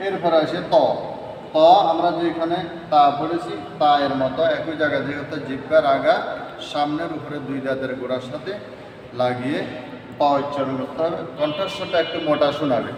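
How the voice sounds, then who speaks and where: A man's voice: on the high side, brisk, noisy background. A man teaching Quran letter pronunciation in a lesson. He goes step by step and repeats each letter three times. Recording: echoey hall from far off.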